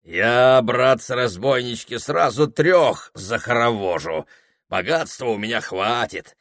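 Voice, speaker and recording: Man doing a rowdy bearded gold-digger, boastful and loud, greedy, his speech unhurried and drawling, in a slow audiobook read, with a dry close sound and nothing around it. The voice is pushed up from the reader's low, middle-pitched tone. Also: animated, dry recording, heavily acted. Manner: swaggering and loud.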